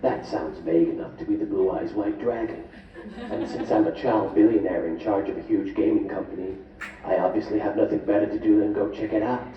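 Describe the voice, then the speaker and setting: A man's voice: fairly low pitch, fairly even intonation, fairly quick, far from the mic, lo-fi sound, natural voice. A man voicing a rotating cast of snarky male parody cartoon characters with sarcastic comic delivery. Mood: smug. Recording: clip played over speakers in an echoey hall.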